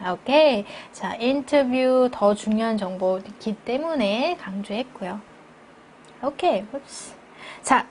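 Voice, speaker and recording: A woman teaching an English speaking test lesson, patient and instructional, reading example sentences slowly and deliberately. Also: fairly high pitch, slight background noise. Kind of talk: recorded video lecture.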